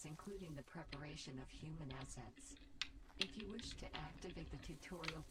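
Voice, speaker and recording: A woman voicing a cold female AI overseer in a game, with a robotic voice and formal, clipped announcements. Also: deep voice. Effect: robotic AI voice from the game's audio. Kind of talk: scripted game tutorial voice-over. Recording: distant game audio under loud noise.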